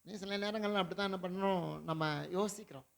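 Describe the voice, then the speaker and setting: A male pastor preaching a sermon, swinging between loud declarations and low asides, with repeated rhetorical questions to the congregation. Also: fairly even intonation, fast talker. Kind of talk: Tamil sermon.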